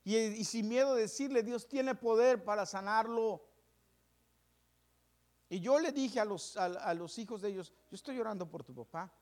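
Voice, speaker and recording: A male pastor preaching a sermon, telling a story. He drops to hushed whispers and then rises to fervent, raised preaching. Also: sits high, brisk, few pauses.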